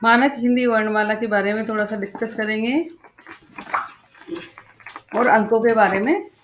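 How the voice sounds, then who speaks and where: A woman teacher giving a lesson, slowly spelling out example words one at a time and checking back with her students. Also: fairly high pitch, fairly even intonation, slight background noise. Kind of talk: slow spoken lesson.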